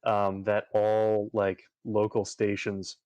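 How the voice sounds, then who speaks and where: A man's voice: lowish voice, monotone, slow, darkish tone, dry recording, lo-fi sound. A man chatting casually on a livestream, rambling with lots of fillers and restarts. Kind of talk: casual chat while gaming on a livestream.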